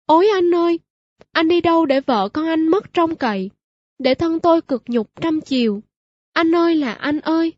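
A woman's voice: high voice, lively intonation, normal speed, no room sound, lo-fi sound, pitched above the performer's own voice. A woman voicing a poor, grieving village widow in a storybook reading, wailing and pleading. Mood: wailing grief.

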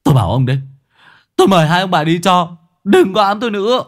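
A man voicing a beaten young man who yells shrilly, then pleads and sobs. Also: very animated, quick pace. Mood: angry yelling. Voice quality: shrill, strained yelling. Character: young man Kien, beaten, whining and furious.

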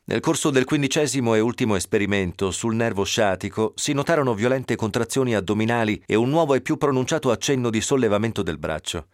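A man reading a novel aloud on radio in a steady, even storytelling manner. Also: mid-range voice, quick pace, few pauses, no room sound, clean studio sound. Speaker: narrator.

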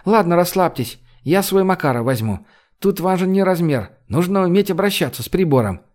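A woman's voice: on the low side, animated, moderate pace, a little mellow, voice pushed up, natural voice. A male narrator voicing a bold, blunt young woman scout who talks in an offhand, breezy way.

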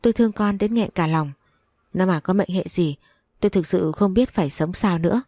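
A woman's voice: fairly low pitch, brisk, dark tone, dry recording, clean studio sound. A woman narrating a first-person story in an earnest, emotional reading.

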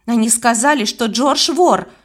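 A woman's voice: on the high side, a little slow. A woman voicing an earnest young girl detective in an audiobook, speaking a little shyly. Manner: earnest, slightly shy. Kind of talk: audiobook character voice.

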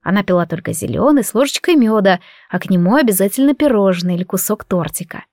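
A woman reads a first-person story in a reflective, gently wry way. Her voice sits in a middle pitch. The recording is dry, with no room sound. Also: animated, quick pace, dry recording. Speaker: audiobook narrator. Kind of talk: first-person audiobook narration.

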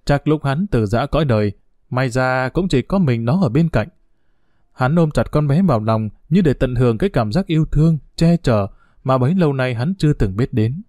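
Male audiobook narrator, steady storytelling, mid-pitched, dry studio sound. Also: normal speed, dry recording.

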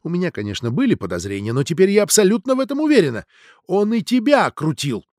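A man voicing a sharp-tongued, resentful young woman with an accusing tone. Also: high-pitched, very animated, fast talker, dry recording, studio quality, voice pushed up. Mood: resentful, biting. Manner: biting, accusing.

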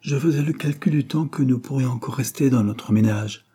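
A man's voice: medium pitch, brisk, warm tone, slightly rough, pitched above the performer's own voice, close to an everyday voice. A man reading an audiobook, voicing a usually silent, naive working man. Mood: worried.

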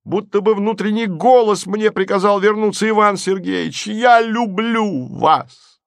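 Gushing young reporter guy, a narrator putting him on, way up high and ecstatic, dry close audiobook sound. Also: a little slow, creaky, no echo. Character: overjoyed fawning young male TV reporter.

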